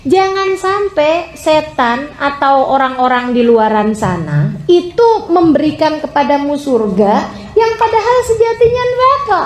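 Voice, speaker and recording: A woman preaching a sermon to her sisters, emphatic, swinging between high exclamations and low drawn-out phrases. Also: big pitch swings, reverberant. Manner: addresses her listeners as sisters again and again. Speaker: Islamic preacher.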